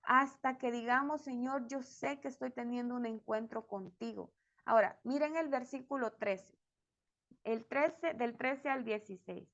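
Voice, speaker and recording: High-voiced woman preaching a sermon. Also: highs cut off. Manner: reads scripture then preaches directly to the women, asking ¿sí? often. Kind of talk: sermon to a women's service.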